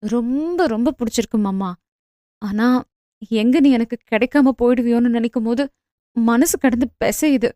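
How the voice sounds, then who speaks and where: A woman voicing a shy, lovestruck young village woman in a storybook romance, speaking softly with a sweet, whining tone. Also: fairly high pitch, moderate pace, pauses often, no echo, studio quality, natural voice.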